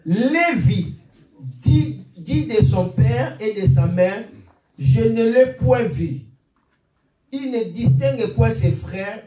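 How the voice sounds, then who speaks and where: A man in his forties preaching a sermon as pastor, animated and peppered with alleluias and amens. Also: high voice. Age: 40s. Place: church hall. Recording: echoey room, mic at a distance.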